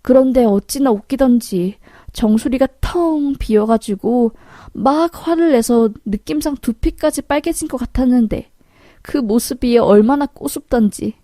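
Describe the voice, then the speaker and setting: A woman calmly narrating a first-person story in a matter-of-fact way. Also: a little high, measured pace, no echo, clean studio sound.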